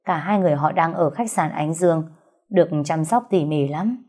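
A woman reading an audiobook, voicing a ruthless young male gangster who speaks flatly and without care. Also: sits low, moderate pace. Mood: cold. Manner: flat, even, unbothered delivery.

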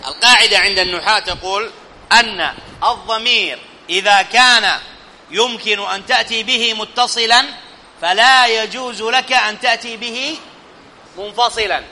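A male teacher with a high, piercingly bright voice leads a classroom grammar lesson. He keeps asking students questions and checking whether they follow. The sound rings out in a long hall reverb. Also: slight background noise.

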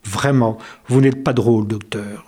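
A man's voice: on the low side, fairly even intonation, unhurried, mellow. A man voicing a male wolf who has lost his teeth, groaning and fearful, in a storybook reading. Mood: indignant. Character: male wolf, toothless, anxious then tender.

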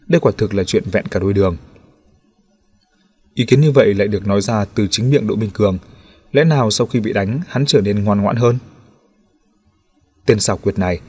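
A man narrating a crime novel in an even, steady storytelling manner. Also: fairly low pitch, slightly rough. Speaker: audiobook narrator.

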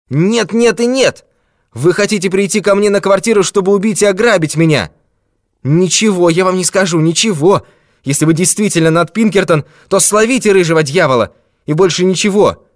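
Man doing a shrill paranoid old man. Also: lively intonation, moderate pace. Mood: shrieking. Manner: shrill, panicky shrieking.

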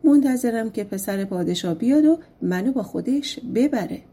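A woman voicing an innocent young bride in a folk tale, speaking gently and trustingly. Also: on the high side, lively intonation, husky. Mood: gentle.

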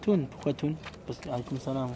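A man teaching a classroom Arabic lesson in French, patiently quizzing students with quick questions. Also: a little high, noisy background.

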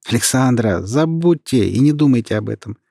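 A man's voice: mid-range voice, lively intonation, normal speed, creaky, dark tone, dry recording, clean studio sound. A man voicing an easygoing young man who speaks lightly and jokes, in an audiobook. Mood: reassuring. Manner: light, joking. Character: young man, easygoing, joking office worker. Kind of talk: audiobook character reading.

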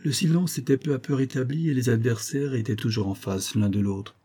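Husky-voiced male audiobook narrator. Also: medium pitch, brisk, warm tone. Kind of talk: scripted narration.

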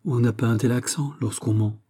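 A man voicing a bold, witty musketeer captain in an audiobook reading, speaking in an animated, emphatic way. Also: medium pitch, normal speed, breathy edge, natural voice. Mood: eager.

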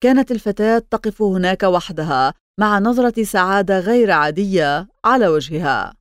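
A woman reading a novel aloud as an audiobook narrator, in a steady, measured way. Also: medium pitch, no echo, studio quality. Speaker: audiobook reader. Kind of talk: scripted narration.

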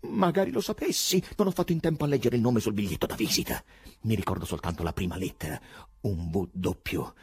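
An actor playing a frantic young male poet who shouts and raves in desperation, with a husky voice. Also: low-pitched, steady tone, normal speed, no echo. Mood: raving.

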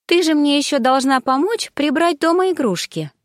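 A woman's voice: high-pitched, animated, moderate pace, no room sound, voice pushed up. Young emotional woman, anxious but resolute, voiced by a woman narrator; dry, close read. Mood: playful. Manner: emotional, tearful, then resolute. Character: young anxious pregnant woman, later a doting mother. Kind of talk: audiobook character voice.

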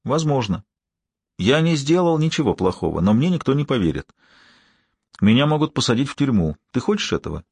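A man reading a soft, coaxing manipulative uncle. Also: medium pitch, sing-song, a little fast, gravelly, slightly rough, no echo, pitched above the performer's own voice, full character voice. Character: soft-spoken manipulative man coaxing his young niece.

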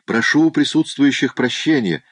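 A man's voice: medium pitch, animated, moderate pace, a bit bright, husky, no room sound, studio quality, pitched above the performer's own voice. A man reading an audiobook, voicing an eager young man who speaks hastily and politely. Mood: hurried.

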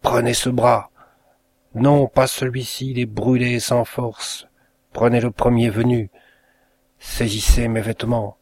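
A man's voice: mid-range voice, little pitch movement, measured pace, a little mellow. A man voicing a grief-maddened widow who relives a fire, crying out in frantic anguish, in a storybook reading.

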